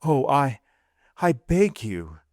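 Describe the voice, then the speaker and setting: A man reading aloud, voicing a frightened young noblewoman who stammers and pleads in a raised, drawn-out voice. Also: mid-range voice, very animated, darkish tone, no echo, studio quality, lightly acted. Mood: terrified, pleading.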